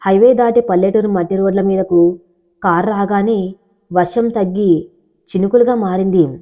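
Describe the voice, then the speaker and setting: A woman narrating a scripted love story in an even, measured way. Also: mid-range voice, muffled recording.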